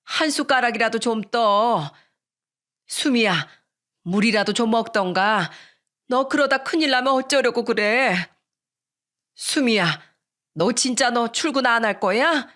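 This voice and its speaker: A dramatic, stubborn middle-aged mother who scolds and moans her complaints in long drawn-out phrases, as a woman reads her in a radio story. Her voice climbs when she is upset, and she lingers on every sigh. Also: on the high side, lively intonation, fairly bright tone. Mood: pleading. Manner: exasperated wailing, drawn-out complaints.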